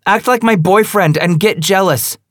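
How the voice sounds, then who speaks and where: Mocking young woman, provocative and cutting, put on by a male reader; sits high above a low voice. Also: moderate pace, dry recording, clean studio sound, close to an everyday voice. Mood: taunting. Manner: taunting, teasing.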